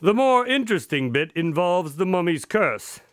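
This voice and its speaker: A man's voice: sits high, big pitch swings, moderate pace, no echo, studio quality. A man acting as Dr. Watson, a wry, exasperated companion and storyteller bantering in a radio drama. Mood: playful storytelling.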